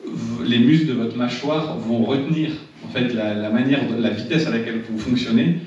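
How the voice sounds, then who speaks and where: A public speaking trainer addresses a live seminar audience casually, with frequent restarts and repeated words. His voice is medium-pitched and darkish at a normal speed. The seminar room recording is echoey and dull, taken from a distant mic.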